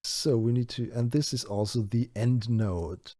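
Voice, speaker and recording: This man, a native German speaker, thinks aloud during live-stream gameplay chat, restarting often and using many fillers. His mid-range voice is mellow and measured, with no echo.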